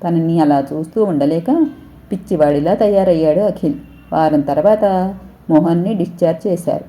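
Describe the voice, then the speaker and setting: A woman reading a story aloud as narrator, steady and even. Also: lowish voice, normal speed.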